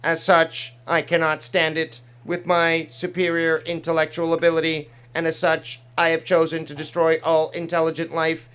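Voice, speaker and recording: A man putting on the voice of a cold, glitching android with no emotions, delivering stiff, flat robotic lines and repeating error messages. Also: fairly high pitch, moderate pace, few pauses, clean tone, pitched above the performer's own voice, close to an everyday voice. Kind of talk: comic robot impression during a casual stream.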